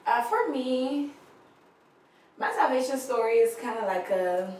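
A woman's voice: fairly high pitch, expressive, unhurried, darkish tone. A woman from Liberia co-hosting a faith podcast, speaking in casual chat and quoting scripture. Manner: affirming, quotes scripture, laughs often. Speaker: podcast co-host. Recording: distant mic in a very echoey room.

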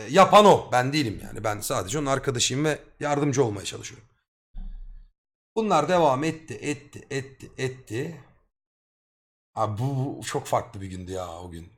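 A young man streaming and telling a story to his live chat in a casual, slangy and excitable way, swearing freely as he goes. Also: mid-range voice.

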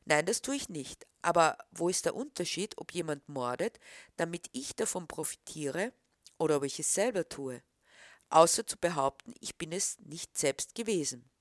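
A woman reading scripted narration in a calm, earnest, reflective way. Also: sits low, moderate pace, dry recording, studio quality.

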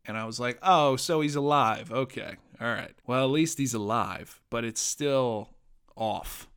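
A man talks through a TV episode review in a loose, conversational way, with frequent restarts and fillers. His voice sits at a middle pitch and has a gravelly, fried edge. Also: unhurried. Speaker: podcast host reviewing a TV episode. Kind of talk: casual spoken review.

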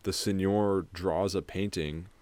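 A man's voice: low-pitched, steady tone, measured pace, darkish tone, slight background noise. A young man co-hosting a podcast, casually retelling a film's plot in a rambling, profane way with frequent laughs. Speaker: podcast co-host. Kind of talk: casual film discussion.

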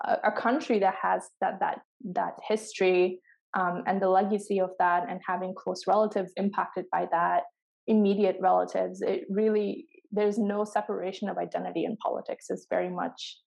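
A podcast co-host whose first languages are Pashto and Farsi talks earnestly in a reflective conversation, searching for words and often restarting sentences. Her lowish voice is flat and a little mellow, with vocal fry, at a moderate pace.

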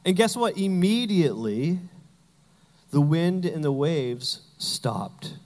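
A man's voice: on the high side, expressive, takes it slowly, darkish tone, in a large hall. A man preaching a sermon as pastor, telling Bible stories with humor and acting out the characters.

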